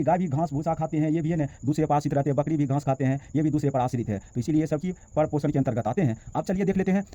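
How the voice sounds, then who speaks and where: A man teaching a school biology lesson, reading English definitions slowly word by word and explaining them in Hindi. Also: fairly high pitch, mellow, no echo. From India. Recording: dull, dry, lo-fi recording.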